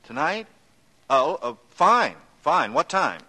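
An actor playing a brooding killer who narrates his own story in a 1940s radio drama, in a low, measured, menacing way. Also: big pitch swings, pushed and bright, no echo, full character voice, low-quality recording. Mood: casual.

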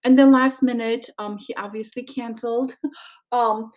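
A woman's voice: fairly high pitch, fairly even intonation, moderate pace, darkish tone, lo-fi sound. A middle-aged woman hosting a podcast, talking casually about her family in a chatty way, full of fillers and asides. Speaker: podcast host. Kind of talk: casual personal monologue.

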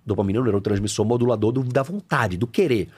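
A man with a Brazilian Portuguese accent, a coach chatting on a podcast, animated and slangy, acting out little scenes. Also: fairly low pitch, fast talker, husky. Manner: animated, acts out scenes with shouted quotes, slangy. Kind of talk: casual podcast conversation.

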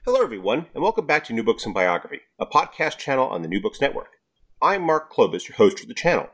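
A man's voice: mid-range voice, sing-song, quick pace, a bit bright. A man hosting a podcast, introducing his guest and asking questions, repeating words as he goes. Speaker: podcast host. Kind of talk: podcast interview.

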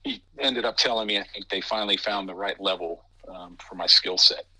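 Low husky man with dry humor. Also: fairly even intonation, fairly quick, sharp tone, poor audio. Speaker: basketball referee. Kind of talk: casual anecdote telling.

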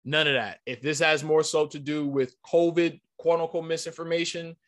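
A man's voice: fairly high pitch, steady tone, moderate pace, a bit bright. A man hosting a podcast, arguing his point insistently and emphatically, often repeating himself. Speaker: podcast host. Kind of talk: heated podcast debate.

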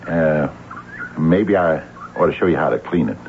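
An actor playing a sinister man who hypnotizes a young woman, talking slowly and coaxingly with many hesitations, in an old radio drama. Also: very deep voice, animated, narrow, tinny audio. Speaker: villain. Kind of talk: 1940s radio acting. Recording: scratchy old radio recording with music.

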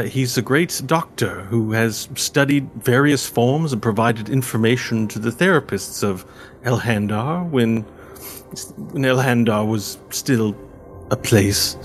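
A man voicing a polite, earnest elf chauffeur in a tabletop game, speaking formally and haltingly. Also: medium pitch, close to an everyday voice. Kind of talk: tabletop role-play.

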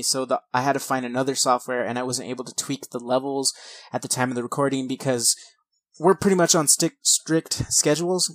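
A thirty-year-old man hosts a podcast in a casual, informal, self-deprecating way, chatting and reading out accounts. His voice is medium-pitched. He records on his own setup with a headset, and there's no echo.

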